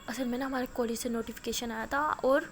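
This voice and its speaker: A woman's voice: on the high side, fairly even intonation, a little hiss or hum, natural voice. A woman voicing a young college woman who talks in a pleading, apologetic way.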